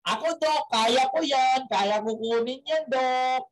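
A man's voice: extremely high pitch, slow pace, voice pushed up. A man voicing a carefree male madman who speaks eagerly and without any worry. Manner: easygoing, eager to please. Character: cheerful, unbothered male madman.

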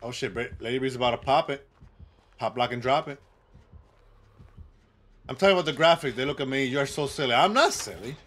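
A man streaming a game, chatting casually with viewers and teammates and bursting into loud exclamations and cursing. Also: mid-range voice, fairly quick, pauses often. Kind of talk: casual live gaming commentary.

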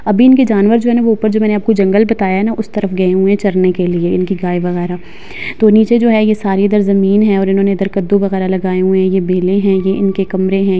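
A Pakistani woman in her thirties vlogs outdoors in a mountain village, chatting and reminiscing with lots of fillers as she walks. She holds her phone at arm's length, so the sound is phone-quality, and her medium-pitched voice is level and brisk.

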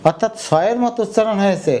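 A young man teaching an online grammar lesson, explaining step by step and saying example words again slowly. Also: sits high, a little mellow. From Bangladesh.

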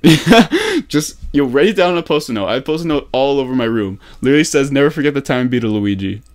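This young man's medium-pitched voice swings widely in pitch and moves fast as he coaches a player on a call. He's slangy, upbeat, and hammers points through repetition, recorded on a desk condenser mic in a small home room.

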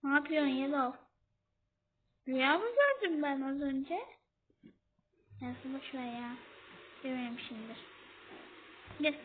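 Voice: high-pitched, slow, long pauses. A young gamer chatting to viewers and scolding an in-game baby during a horror game. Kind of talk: casual gameplay commentary. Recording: tinny phone-like audio with faint noise.

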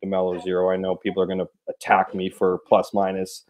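A podcast co-host with a low, darkish, monotone voice chats casually about hockey on a video call. He talks fast and rambles, restarting his sentences often.

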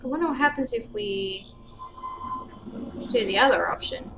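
A woman's voice: a little high, normal speed. A young woman giving casual let's play commentary as she hosts a gaming video. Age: young adult. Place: indoor home room. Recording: clear background noise with game sound.

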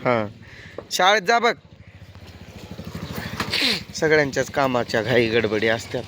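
A man's voice: medium pitch, big pitch swings, measured pace, noisy background. Exasperated man. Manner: nagging, exasperated, scolding. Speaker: comic vlogger. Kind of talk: comic skit of village family life.

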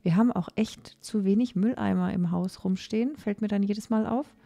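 A young woman giving a casual, chatty voice-over about cleaning her home, with many fillers and pauses. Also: medium pitch, creaky, dark tone, no room sound. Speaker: cleaning vlogger.

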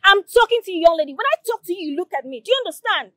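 A woman's voice: high voice, animated, a little slow, fairly bright tone, no echo, studio quality. A young woman, playing a bossy, haughty senior prefect who scolds and gives orders. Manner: commanding, scolding.

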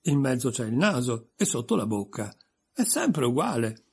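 A man's voice: medium pitch, big pitch swings, normal speed, creaky, a little mellow, breathy edge, exaggerated voice. A man reading an audiobook voices a pompous, stern egg creature reciting verse. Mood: dismissive.

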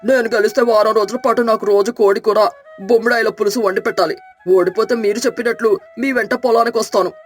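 A woman's voice: fairly high pitch, steady tone, quick pace, soft background music, natural voice. Woman doing a cocky, clever young son-in-law. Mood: boastful. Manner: confident, sly, teasing.

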